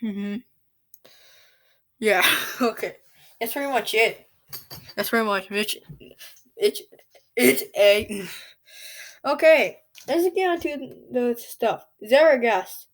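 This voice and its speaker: A woman's voice: on the high side, slow pace, pauses often. A woman casually commenting on a monster battle video, rambling and tripping over names as she corrects herself. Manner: off-the-cuff asides and self-corrections. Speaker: channel host.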